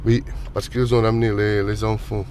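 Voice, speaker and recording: A Bosnian man in his forties speaks French with a Bosnian accent, in a plain, down-to-earth way. His voice sits a little low. Steady noise hangs behind him in the car. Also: moderate pace. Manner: plain-spoken, ends phrases with "quoi". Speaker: interviewee. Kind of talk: casual interview chat.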